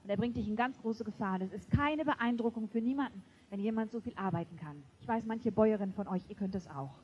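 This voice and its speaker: A woman preaching a sermon to a congregation, emphatic and lively, often laughing. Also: mid-range voice, quick pace, dull audio, a little hiss or hum. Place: church before a congregation.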